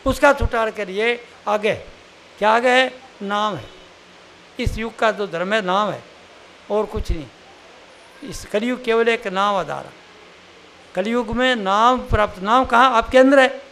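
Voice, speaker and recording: A man's voice: high voice, unhurried, long pauses, pushed and bright, slight background noise. An older man from India giving a spiritual sermon in a plain, conversational teaching manner with everyday examples. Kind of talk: satsang sermon.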